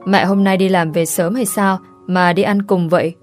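A woman voicing a gruff, blunt young husband with a curt, rough way of speaking, read in a storybook style. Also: fairly low pitch, steady tone, moderate pace, a little mellow, soft background music, lightly acted.

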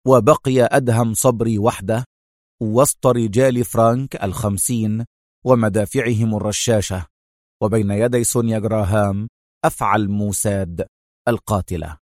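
A man's voice: on the low side, steady tone, moderate pace, darkish tone, dry recording. Man narrating an audiobook, dry sound.

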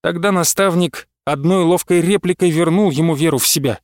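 A man's voice: a little high, brisk, no room sound, clean studio sound. Man narrating a fantasy audiobook.

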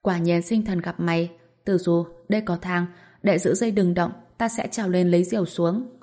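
A woman voicing a young noblewoman who speaks softly, with a slight tremble. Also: lowish voice, steady tone, moderate pace, natural voice. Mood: cheerful. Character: young noblewoman, curious, timid yet brave.

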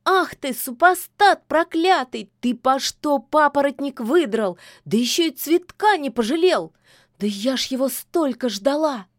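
A woman voicing a fiery, hot-tempered forest witch who scolds and shouts in a fairy-tale audiobook. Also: high-pitched, expressive, measured pace, no room sound, studio quality, pitched above the performer's own voice. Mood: furious.

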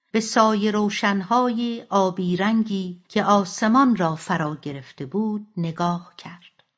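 A woman narrating an audiobook in a calm, even storytelling voice, in a slightly dull recording. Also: mid-range voice.

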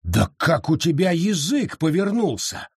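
A domineering older brother who threatens and scorns, read by a male narrator close to his own voice. The tone is husky and dry, and the pitch rises and falls widely. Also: big pitch swings, slow, no echo, exaggerated voice. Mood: offended. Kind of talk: audiobook reading.

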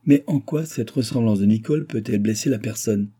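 A man reading an audiobook, voicing a mysterious male sorcerer with a calm, confident, faintly mocking manner. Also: fairly low pitch, a little fast, slightly rough. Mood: assured.

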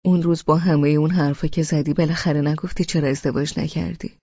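A woman reading the lines of a sardonic man in an audiobook, in a husky, gravelly voice with a teasing, needling manner. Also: deep voice, steady tone, lo-fi sound. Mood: mocking. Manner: teasing, needling, then shouting. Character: sardonic adult man, mocking then angry.

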